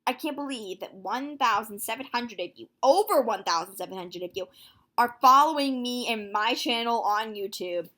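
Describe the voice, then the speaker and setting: A nineteen-year-old woman talking casually to her viewers in a vlog, chatty and full of fillers, quick to exclaim. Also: a little high. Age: young adult, nineteen. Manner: excitable, quick to gasp and exclaim. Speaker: vlogger.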